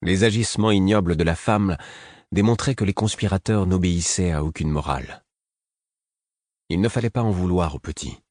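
A man reading a first-person audiobook in a measured, steady storytelling manner. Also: sits low, no echo, clean studio sound. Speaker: audiobook narrator.

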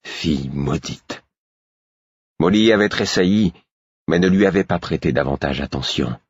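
A man reading an audiobook, giving slow, expressive first-person narration. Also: low-pitched, slightly rough, no room sound, lo-fi sound. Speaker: audiobook reader.

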